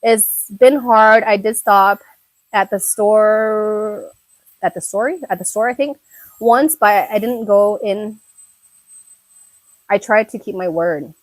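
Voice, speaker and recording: In a dry, rough recording, a young YouTuber from Thailand casually chats on a live stream, reading viewer chat and responding to comments. She talks slowly in a mid-range voice, leaving long pauses, and keeps repeating words and herself, with plenty of fillers.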